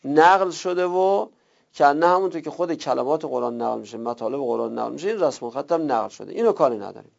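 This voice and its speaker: A man with a gravelly, somewhat high voice teaches a recorded lesson. He works through each point step by step and goes over his examples more than once. The recording sounds dull and lo-fi. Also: darkish tone. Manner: explains step by step, repeating examples.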